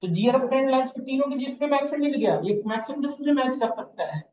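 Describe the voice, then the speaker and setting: A man's voice: very high-pitched, quick pace, a little mellow, slight background noise. Man, teacher, mix, step-by-step explaining, echoey room, dull sound. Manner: explains step by step, keeps checking students follow; calls students "beta" in a fatherly way. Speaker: machine learning teacher. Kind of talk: live online class lecture.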